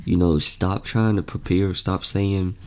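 A late-teen podcast host speaks in a low, darkish voice at a measured pace with fairly even intonation. His casual motivational chat is earnest and dotted with fillers and restarts.

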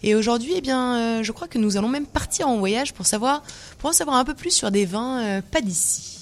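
A woman co-hosting a radio show in a studio, introducing the wine columnist and tossing in quick, casual reactions. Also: fairly high pitch. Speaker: radio co-host.

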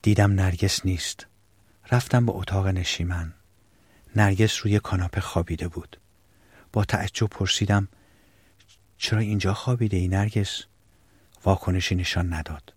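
An actor playing a reflective middle-aged man who quietly recounts a memory in an audiobook. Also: low voice, steady tone, pauses often, breathy edge, dry recording. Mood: wistful.

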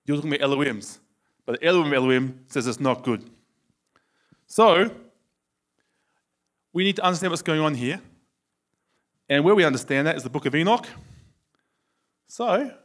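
Lively Australian man preaching. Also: on the high side. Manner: lively, conversational, asks the audience questions. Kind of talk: teaching sermon. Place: room with a live audience.

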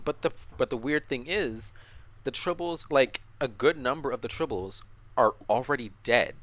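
A man's voice: mid-range voice, a bit bright. A man co-hosting a podcast, casually recapping an episode with many restarts and repeated words. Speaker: podcast co-host.

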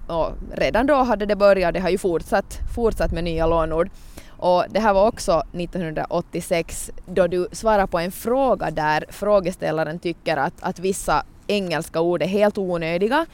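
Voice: medium pitch, smooth. Podcast host asking engaged questions. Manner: engaged, reads quotes carefully. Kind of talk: podcast interview with read-out quotes.

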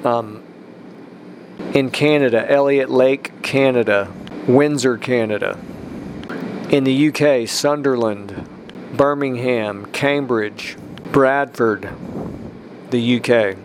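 A man's voice: medium pitch, takes it slowly, long pauses, a little hiss or hum. Rambling man hosting a faith podcast. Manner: rambling, with restarts and emphatic rises. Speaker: podcast host.

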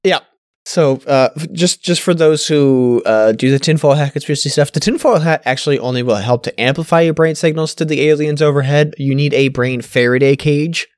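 A man's voice: a little high, no echo. Wry man with a dry close sound. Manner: wry, swearing, halting restarts. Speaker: podcast co-host. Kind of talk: casual chat, reading news stories.

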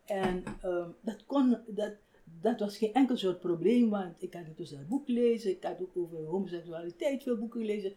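An older woman, a writer, telling stories in a relaxed conversational interview, animated and laughing often. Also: medium pitch, a little fast. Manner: animated, acts out quoted voices, laughs often. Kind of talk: reflective conversational storytelling.

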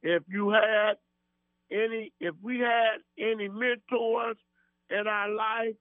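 Calling into a radio show, a man talks in an earnest, folksy manner full of halting fillers and restarts. His high voice keeps a fairly even intonation, with no room sound, coming through a tinny phone line with mains hum.

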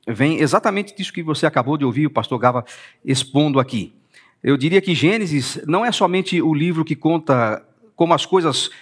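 A man with a Brazilian Portuguese accent giving a conversational talk in a church, presenting his book and speaking straight to the listeners. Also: on the high side. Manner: conversational, addresses listeners directly. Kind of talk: church talk streamed live.

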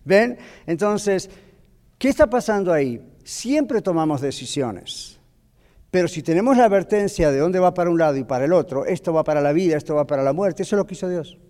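A man's voice: a little high, a little fast. A man teaching a Bible class in a conversational way, telling stories and asking his listeners questions. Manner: animated storyteller, asks the audience questions. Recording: long reverb of a hall.

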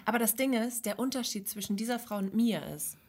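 A woman co-hosts a relaxed chat podcast and tells lively stories that make fun of herself. She often laughs between lines, and her voice sits a little above the usual pitch. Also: a little fast, husky. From Germany. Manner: laughing, self-deprecating, animated storytelling. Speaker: podcast co-host. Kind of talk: casual chat.

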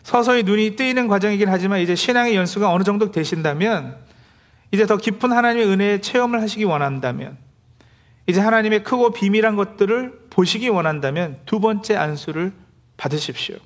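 High-voiced man preaching a conversational sermon. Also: lively intonation, a little fast. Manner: conversational preaching, acting out quoted complaints. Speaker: pastor.

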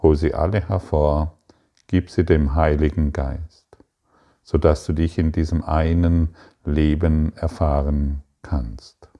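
A man giving a spiritual teaching, reading passages aloud and answering his own rhetorical questions in a deliberate way. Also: very deep voice, fairly even intonation, mellow.

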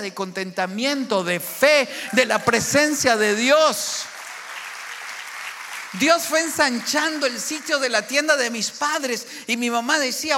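A middle-aged man preaching a sermon as pastor, impassioned and rising at times to shouts. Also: extremely high pitch. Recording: long hall reverb.

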